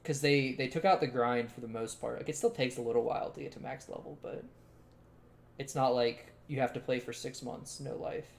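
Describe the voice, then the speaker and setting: A young man co-hosting a podcast, chatting in a halting, easygoing way. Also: mid-range voice, creaky. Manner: easygoing, halting, laughs often. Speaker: podcast co-host. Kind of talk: casual chat.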